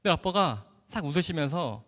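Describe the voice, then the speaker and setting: A man who is a doctor giving an animated church testimony, acting out dialogue and laughing often as he tells his story. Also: a little high, a little fast. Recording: echoey hall.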